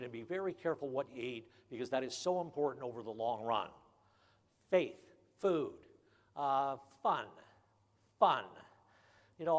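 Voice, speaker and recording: An older man giving a humorous graduation speech, folksy and emphatic, often repeating key phrases. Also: medium pitch. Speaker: graduation speaker. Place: large ceremony hall. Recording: long hall reverb.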